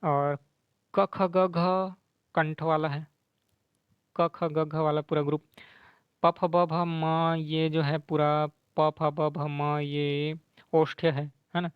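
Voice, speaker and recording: A man teaching grammar, explaining quiz answers slowly and repeating letters aloud, often asking "है ना?" and mixing in English words. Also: fairly high pitch, flat delivery, clean tone, no room sound, muffled recording. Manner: slow, repetitive, checks in with "है ना?"; sounds out letters slowly to demonstrate.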